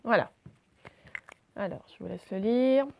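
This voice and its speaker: A woman with a gravelly, medium-pitched voice speaks at a measured pace. She is a primary school teacher recording a reading and handwriting lesson for young children, explaining each step, hesitating often and spelling out letters.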